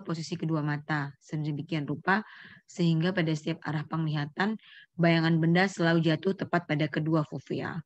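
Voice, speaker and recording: A middle-aged woman gives a neurology lecture to students, walking through terms step by step, quizzing the class, and correcting herself mid-phrase. Her voice is low-pitched and a little mellow, with no room sound, on a dull lo-fi lecture recording.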